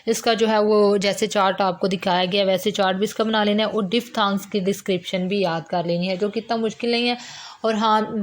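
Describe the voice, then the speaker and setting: A woman with a Pakistani accent teaching English phonetics in a lecture, explaining terms step by step and mixing English words into her talk. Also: medium pitch.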